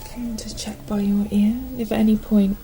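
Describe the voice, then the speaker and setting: A woman doing a whispered role-play as a gentle, calm nurse, speaking in a soft, breathy half-whisper with a reassuring manner. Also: medium pitch, fairly quick, noisy background. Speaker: ASMR performer playing a nurse.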